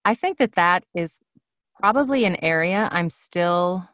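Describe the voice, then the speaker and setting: A woman's voice: lowish voice, lively intonation, unhurried, fairly bright tone, no echo. A woman who works as a voice actor, speaking as a guest on a podcast in a thoughtful, slightly hesitant way. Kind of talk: podcast interview.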